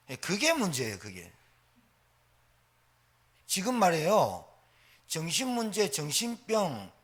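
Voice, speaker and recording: A man's voice: sits high, a bit bright, slightly rough. A middle-aged man, preaching a sermon as pastor with emphatic rhetorical questions.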